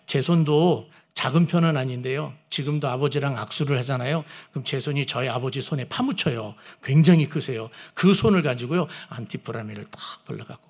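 A man's voice: medium pitch, fairly quick, few pauses. A man preaching a sermon who asks his listeners questions and acts out the lines he quotes. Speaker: pastor.

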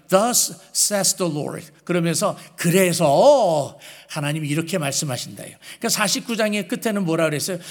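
A man preaching a sermon as a pastor. He asks the listeners questions and answers them himself, and he acts out the voices he quotes. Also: sits high. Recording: long hall reverb.

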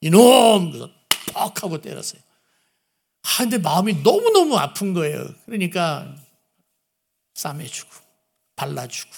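A man's voice: a little high, sing-song, moderate pace, creaky, long pauses, breathy edge. A man preaching a sermon who asks his listeners questions and acts out the lines he quotes. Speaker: pastor.

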